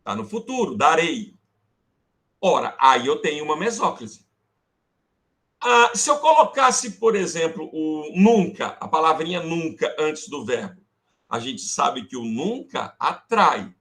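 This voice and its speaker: Slow, lively-voiced male teacher. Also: on the high side. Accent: Brazilian Portuguese. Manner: calls students "amores", checks with "beleza?" and "tá?"; fiddles with slides while talking to himself. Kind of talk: online grammar lesson.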